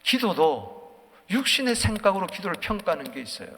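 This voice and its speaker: A man preaching at a dawn prayer service, swinging from quiet musing to loud, fervent calls. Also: sits high, very animated, brisk, breathy edge. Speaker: pastor. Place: church sanctuary. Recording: long church hall reverb.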